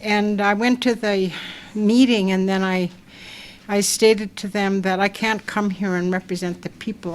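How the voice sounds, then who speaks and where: An older woman with a stuffed-up voice speaking softly at a panel, halting with fillers as she tells her own story. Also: medium pitch. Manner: soft-spoken, halting with fillers. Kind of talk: personal talk at a public event.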